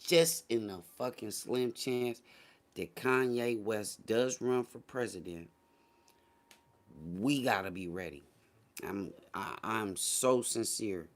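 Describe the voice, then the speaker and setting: A man with a voice on the low side takes his time as he hosts a livestream. He gives his chat casual political commentary, talking in a slangy, profane, conversational way and repeating phrases for emphasis.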